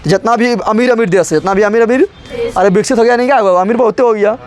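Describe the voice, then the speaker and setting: High-voiced teacher drilling questions. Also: male voice, fast talker. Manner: drills students with constant repeated questions. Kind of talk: classroom lecture.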